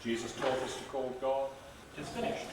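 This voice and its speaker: A man's voice: medium pitch, fairly even intonation. Clergyman praying on old VHS tape. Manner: measured, formal recitation. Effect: old VHS camcorder tape sound. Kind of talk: liturgical prayer. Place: church at a christening. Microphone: built-in camcorder mic. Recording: hissy, echoey church from far off.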